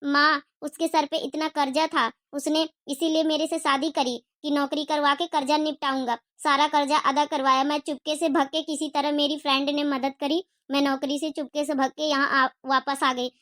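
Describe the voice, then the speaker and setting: A woman's voice: sits high, flat delivery, moderate pace, few pauses, fairly bright tone. A woman voicing a pleading young daughter. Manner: pleading, apologetic.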